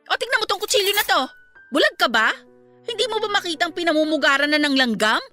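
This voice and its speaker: A woman's voice: very high-pitched, expressive, fast talker, pushed and bright, soft background music, heavily acted. A woman playing a cruel, haughty employer who scolds with contempt in a radio drama. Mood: scornful.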